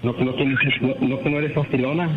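A man speaks bluntly on a phone line, calling out the person on the other end. His voice stays flat and even as he makes his accusation. The line sounds dull and muffled, with clear noise behind him. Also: mid-range voice, a little fast. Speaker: caller.

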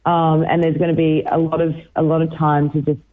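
A woman's voice: low-pitched, flat delivery, brisk. Young Australian woman on a tinny phone line. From Brisbane, Australia. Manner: bubbly, giggly, many restarts. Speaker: musician guest. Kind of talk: phone interview on breakfast radio.

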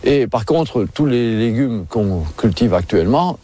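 A man's voice: medium pitch, animated, a little slow, noisy background. A man, a horticulturist, explaining in a plain-spoken way in a recorded report clip. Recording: report clip with music behind. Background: electronic music.

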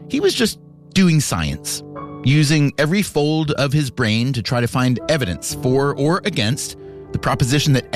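A man narrates a radio show in a smooth radio host delivery, his lines scripted and evenly paced. His voice sits at a middling pitch for a man. Soft music plays faintly underneath.

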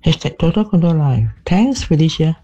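A woman's voice: low voice, expressive, moderate pace, dark tone, slightly rough, soft background music. A woman in a recorded voice message played on the radio, politely reading out her song request and a long list of dedications. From Malaysia. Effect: voice message played over the radio. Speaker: radio listener sending a request. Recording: dull, lo-fi voice note.

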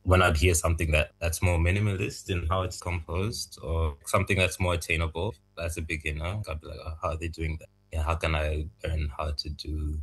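A young man from Zambia, raised in Malawi, answering interview questions about making music in a soft, thoughtful, halting way. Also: rumbling low, flat delivery, slightly rough, low-quality recording. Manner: soft-spoken, thoughtful, halting, laughs lightly. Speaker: music producer, guest.

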